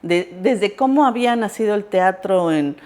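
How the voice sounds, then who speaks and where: Animated woman telling a story. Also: medium pitch, normal speed. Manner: animated, acts out quoted voices. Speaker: recipe vlogger. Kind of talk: casual storytelling.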